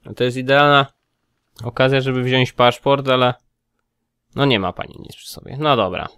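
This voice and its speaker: A man's voice: medium pitch, normal speed, fairly bright tone, clear, resonant tone, no echo. A man casually commenting on his gameplay, thinking aloud and muttering as he checks details. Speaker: let's play gamer.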